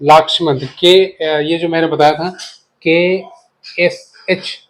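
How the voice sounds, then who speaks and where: A man's voice: fairly high pitch, flat delivery, takes it slowly. Man patiently teaching spelling, repeating himself. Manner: patient, repetitive, checks in with listeners often; explains while writing. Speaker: English teacher. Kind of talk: casual spoken lesson.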